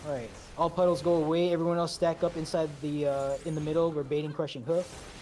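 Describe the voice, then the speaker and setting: A man leading a game raid, calling out instructions briskly, repeating commands and slipping in joking asides. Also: fairly high pitch, little pitch movement, a little mellow, slight background noise. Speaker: raid leader. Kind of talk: calling instructions over voice chat while gaming.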